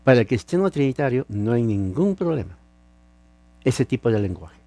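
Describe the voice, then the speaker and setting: A male preacher delivers a sermon in a warm, mellow voice. The sound is dry and close, with no room echo. He teaches with emphasis and poses rhetorical questions to his listeners. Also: medium pitch, sing-song, moderate pace. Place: lives in California.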